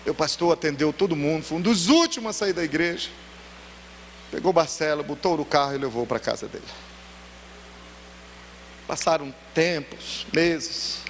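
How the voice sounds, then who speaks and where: A man's voice: a little high, moderate pace, pauses often. A male pastor preaching in a church hall, telling a story and acting out the dialogue. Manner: animated, acts out dialogue. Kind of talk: sermon storytelling. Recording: echoey church hall, faint noise.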